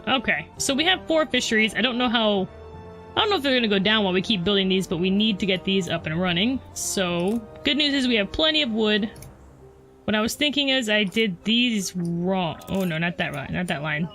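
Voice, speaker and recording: A woman's voice: mid-range voice, expressive, fairly quick, fairly bright tone, faint music behind. A woman hosting a let's play, chatting casually to her viewers and teasing herself about her mistakes. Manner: chatty, self-deprecating, talks to viewers. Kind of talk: casual gameplay commentary.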